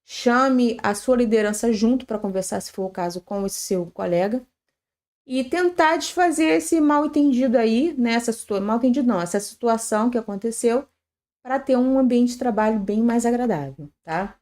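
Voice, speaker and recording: On a live workplace-safety broadcast, a panelist answers a question with earnest, practical advice at a moderate pace. Her voice is on the high side and a little mellow. She peppers her speech with "tá?" and "né?" and self-corrects as she goes.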